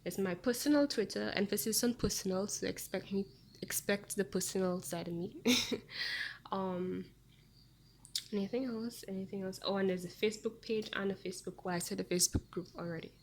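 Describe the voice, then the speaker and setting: Woman tarot reader, casual and meandering, mid-pitched with a gravelly edge. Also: fairly even intonation, normal speed, slight background noise. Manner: chatty, meandering, frequent ums. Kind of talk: casual tarot reading to viewers.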